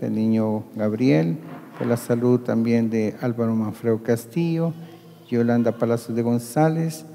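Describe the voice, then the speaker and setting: A man leading Mass as priest, praying in a calm, deliberate, solemn way, with a long cathedral echo around his voice. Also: mid-range voice. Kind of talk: liturgical leading and prayer. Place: large church. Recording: long church reverb.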